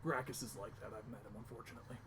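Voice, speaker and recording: A man's voice: lowish voice, steady tone, racing, noisy background, close to an everyday voice. A man voicing a plain-spoken male innkeeper in a tabletop game, dry and matter-of-fact. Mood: gossipy.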